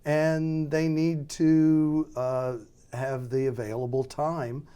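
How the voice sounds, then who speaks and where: Speaking with a slightly high, flat delivery, this American radio drama producer sounds mellow and smooth. Being interviewed, he talks in a casual, halting way, thinking aloud as he goes.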